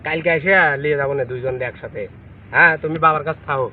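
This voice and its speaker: A man's voice: on the high side, fairly even intonation, fast, recorded from a distance, narrow, tinny audio, very noisy. A man acting in a comedy skit, talking in a pleading, theatrical way.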